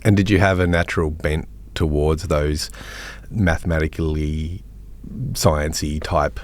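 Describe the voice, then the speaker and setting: A man's voice: rumbling low, fairly even intonation, unhurried. A man hosting a podcast interview, asking probing questions in a conversational way. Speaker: podcast host.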